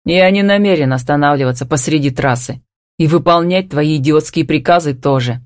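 Суровый, напористый мужчина-любовник, которого читает женщина, резкий и ворчливый. Звук сухой, без отражений, тембр ниже среднего. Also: female voice, low-pitched, brisk, a little mellow, dry recording, studio quality, close to an everyday voice. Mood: gruff. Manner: growling, curt. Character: gruff powerful man, domineering lover.

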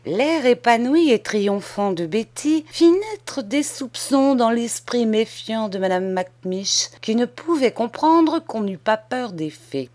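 A woman reading a classic French children's novel aloud in clear, measured narration. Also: fairly high pitch, lively intonation, darkish tone. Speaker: audiobook reader. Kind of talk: storybook narration.

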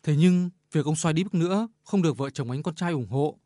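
A man, a radio editor, reading a measured, reflective commentary on a short story. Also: a little high, warm tone, no echo, clean studio sound. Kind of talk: scripted literary commentary.

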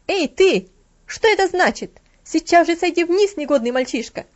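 A woman voicing a furious middle-aged housekeeper who shouts and scolds a boy in a storybook reading. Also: high voice, big pitch swings, brisk, dull audio, pitched above the performer's own voice. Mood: angry shouting.

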